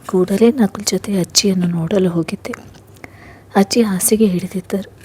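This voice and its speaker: A woman narrating a first-person family story in a soft, hushed, emotional way. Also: mid-range voice, moderate pace, a little hiss or hum.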